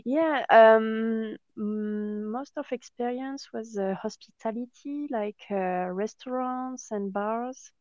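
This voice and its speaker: A young Frenchwoman with a French accent talks about her work as a guest in a casual interview, hesitant and full of fillers and restarts. Her voice is a little high and slightly mellow, slow yet with hardly any pauses, recorded with no echo but a dull lo-fi sound.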